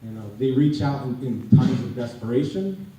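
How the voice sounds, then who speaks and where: A man from the United States, working as an addiction counselor, gives a public talk at a community panel while losing his voice. His medium-pitched, mellow voice is expressive at a normal speed, with slight background noise. He often restarts and grows emphatic, recorded far off in an echoey room.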